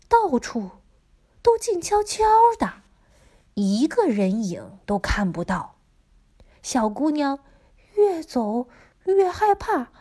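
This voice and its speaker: A woman teacher telling a story to children, expressive and dropping into dramatic whispers. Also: high voice.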